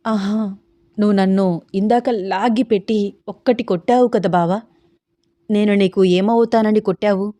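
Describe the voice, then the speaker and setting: A woman's voice: mid-range voice, steady tone, normal speed, dark tone, no echo, lightly acted. Woman voicing a stubborn devoted young woman. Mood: pleading, defiant. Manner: pleading yet defiant.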